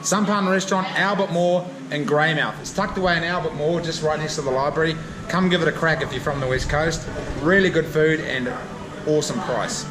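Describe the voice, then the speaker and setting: A man's voice: on the high side, fairly even intonation, fairly quick, crowd noise. A man with a broad New Zealand accent chatting casually to his vlog in a blokey, slangy way. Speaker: vlogger. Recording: noisy outdoor vlog audio, traffic and ambience.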